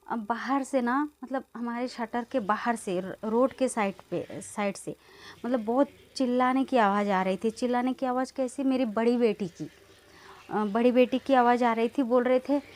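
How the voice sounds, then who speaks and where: A woman in her thirties vlogging, telling a personal story in a rambling, hesitant way with many filler words that turns agitated and loud. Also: on the high side, moderate pace. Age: 30s. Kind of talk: casual storytelling vlog.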